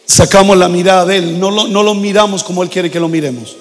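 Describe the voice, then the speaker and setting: An older man preaching a sermon as pastor, repeating phrases and shouting out prayers. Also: high-pitched, quick pace. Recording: long hall reverb.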